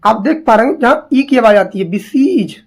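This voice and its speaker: A woman teaching English spellings to exam students, repeating each word slowly and asking questions as she goes. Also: a little high, lively intonation. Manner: slow, drilling, repeats words and asks questions.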